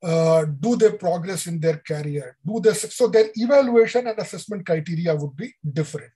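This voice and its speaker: An older man with an Indian English accent giving an online lecture over a video call, explaining deliberately with frequent fillers. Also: high-pitched, dark tone, breathy edge, rough recording. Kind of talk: online lecture on education policy.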